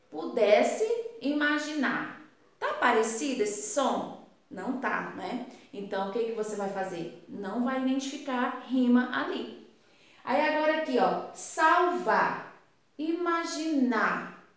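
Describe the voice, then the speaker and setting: Brazilian female teacher, patient and repetitive, heavy room echo. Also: on the high side. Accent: Brazilian Portuguese. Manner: patient, repetitive, checks understanding with "tá?" and "né?". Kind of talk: recorded classroom lesson explanation. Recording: very echoey room, voice from a distance.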